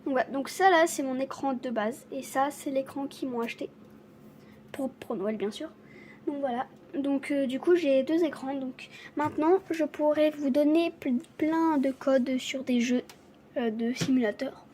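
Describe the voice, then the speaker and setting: A woman who stutters, chatting casually to camera as she shows off her gifts, halting and apologetic. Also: high voice, a little mellow, slight background noise. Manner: stutters, restarts words often. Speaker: vlogger showing her gifts. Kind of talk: casual unboxing chat to camera.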